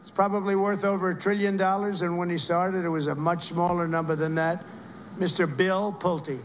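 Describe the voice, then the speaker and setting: A man's voice: high voice, level tone, moderate pace, slight background noise. A man giving a rambling rally speech, heaping repeated praise on people in the crowd. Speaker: political speaker at a rally.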